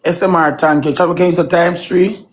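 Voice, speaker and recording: A woman's voice: on the low side, steady tone, fairly quick. A Jamaican woman in her thirties hosting a live stream, coaxing her chat with repeated call-outs in patois. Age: 30s.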